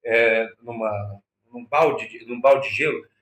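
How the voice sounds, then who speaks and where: A man's voice: mid-range voice, slow, a bit bright. A man with a Brazilian accent telling a personal story as an interview guest, acting out quoted dialogue with shifting voices. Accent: Brazilian Portuguese. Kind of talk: anecdotal storytelling. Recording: echoey room.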